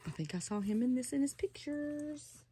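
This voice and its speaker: An older woman chatting slowly and fondly in her small hobby room at home, gushing as she opens a doll box. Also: sits high, expressive, background noise. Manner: chatty, softly gushing, slow and unhurried. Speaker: reborn doll collector. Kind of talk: casual unboxing chat.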